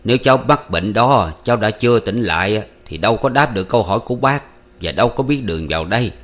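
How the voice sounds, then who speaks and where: A man voicing an old man, a former cook, who questions slowly and deliberately. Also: on the low side, expressive, a bit bright. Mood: probing. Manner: slow, probing, deliberate.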